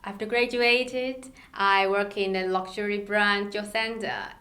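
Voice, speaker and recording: A woman answers interview questions in a measured, careful way, pausing with small fillers as she builds her sentences. Her voice sits at an ordinary middle pitch. The room around her is noticeably reverberant. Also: sharp tone. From Taiwan. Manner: measured, halting non-native phrasing with fillers. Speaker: startup co-founder, guest. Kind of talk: interview conversation.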